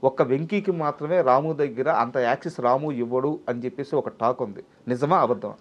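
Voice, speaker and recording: Fast-talking male interviewer who pushes for straight answers, mid-pitched voice, slightly muffled audio. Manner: probing, presses for direct answers. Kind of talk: casual interview questions.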